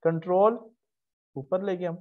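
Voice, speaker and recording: A man's voice: high voice, unhurried, phone-quality sound. A man teaching a live online class. He explains step by step, asks questions and then answers them himself, and he repeats key terms in chanting lists. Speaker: trading instructor.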